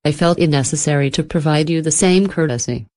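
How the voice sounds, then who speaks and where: A woman playing a soft-spoken cultured ancient entity. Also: low voice, natural voice. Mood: menacing, amused. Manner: even, measured, softly spoken. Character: ancient cultured menacing entity, poised, amused.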